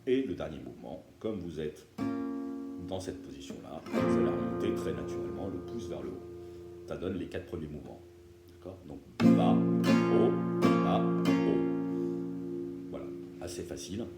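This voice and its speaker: A man's voice: a bass voice, lively intonation, fairly quick. A man teaching beginners guitar step by step, patient and often checking that viewers follow. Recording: roomy room with loud guitar playing.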